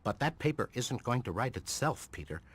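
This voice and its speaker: An actor playing a stern, exasperated middle-aged science professor, lecturing in a game cutscene. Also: male voice, mid-range voice, sing-song, fairly quick, slightly rough. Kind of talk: scripted game cutscene dialogue.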